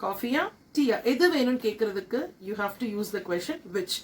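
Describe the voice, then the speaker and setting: A middle-aged woman with a Tamil accent, a school principal giving an English lesson. She repeats each example sentence slowly and then gives it in her own language. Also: mid-range voice, lively intonation. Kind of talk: classroom lesson.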